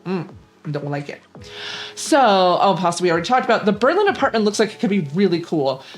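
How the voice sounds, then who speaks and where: A woman's voice: mid-range voice, very animated, fast, faint music behind. A young woman hosting a gaming channel, chatting casually and rambling with lots of fillers about games she likes. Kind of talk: casual gaming vlog commentary.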